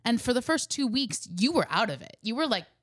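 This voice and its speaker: A woman co-hosting a podcast, telling a story in a wry, animated way. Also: fairly high pitch, fairly quick, dry recording, studio quality. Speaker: podcast co-host.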